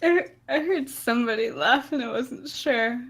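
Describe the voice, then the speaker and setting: A woman playing a tabletop game as team leader, speaking deliberately. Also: on the high side, fairly bright tone, slightly rough. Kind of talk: tabletop play.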